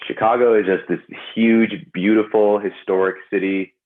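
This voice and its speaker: A man's voice: lowish voice, level tone, normal speed. A man who works as an actor, chatting as an interview guest in an upbeat way, filling his speech with "like", heard over a remote call. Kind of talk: casual interview chat. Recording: tinny phone-like call audio.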